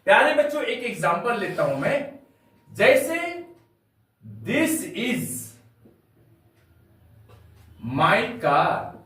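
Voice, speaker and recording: Emphatic teacher in a very echoey room. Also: male voice, sits high, very animated, very slow, long pauses, fairly bright tone, distant mic. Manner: emphatic, repeats and asks rhetorical questions. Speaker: English teacher. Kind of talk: classroom grammar lesson.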